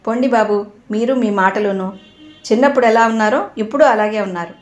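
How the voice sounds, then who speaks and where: A woman's voice: on the high side, fairly quick, faint music behind, natural voice. The voice of a frail old servant man, lying hurt and humble, his words coming out weak and close to tears, as a woman reading a story puts him on. The room adds an echo around the voice. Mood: fond. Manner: weak and tearful. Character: frail elderly male servant, injured, humble. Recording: roomy echo.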